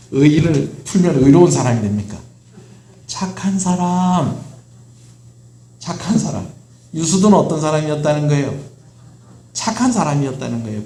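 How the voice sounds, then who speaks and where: Pastor, man, middle-aged; animated, questioning sermon delivery, echoey sanctuary. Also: a little high. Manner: asks the congregation questions and answers them himself. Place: church sanctuary. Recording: roomy church echo.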